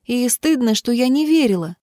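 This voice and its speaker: A woman voicing a stubborn eighteen-year-old girl who talks in a high, insistent, pleading way. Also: expressive, moderate pace, warm tone, dry recording, clean studio sound, lightly acted.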